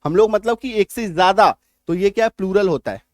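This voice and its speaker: High-voiced man teaching grammar, dry sound. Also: a little fast, no room sound. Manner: explains step by step, often checks "clear?". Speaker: English teacher. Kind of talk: grammar lesson.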